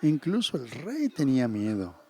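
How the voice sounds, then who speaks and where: A man preaching a sermon, telling a scripture story in an animated way and acting out the quotes. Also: mid-range voice, normal speed.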